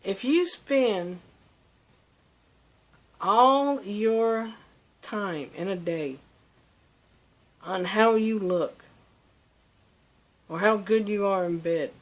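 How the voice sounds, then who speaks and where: A man's voice: sits high, drawn-out words, pauses often. A young man delivering a preachy, ranting opinion monologue, full of restarts and fillers. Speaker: vlogger.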